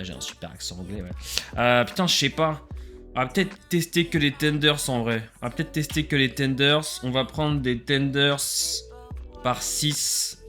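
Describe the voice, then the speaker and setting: A man, tired from a late night, chatting casually on camera as he orders and tastes takeaway food. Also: medium pitch. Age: late 20s. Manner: chatty, animated, self-mocking. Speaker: food reviewer. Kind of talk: casual food-tasting vlog. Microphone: webcam.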